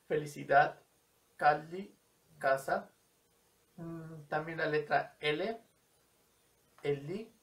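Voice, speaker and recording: A man's voice: on the high side, creaky, recorded from a distance. A man teaching a language lesson, carefully repeating example words to show how they sound. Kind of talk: slow spoken language lesson.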